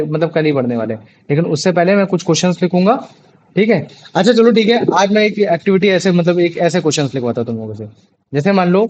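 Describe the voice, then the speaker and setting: A man's voice: a little high, a little mellow. A young man tutoring a class over a video call, chatty and checking often that students follow. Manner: chatty, repeats checking questions. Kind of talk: online class teaching. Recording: dull lo-fi online call audio.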